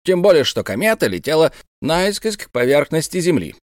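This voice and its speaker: A man's voice: fairly high pitch, sing-song, brisk, no room sound, studio quality, voice pushed up. A man voicing a proud, eccentric old male professor who lectures emphatically in an audiobook reading. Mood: emphatic.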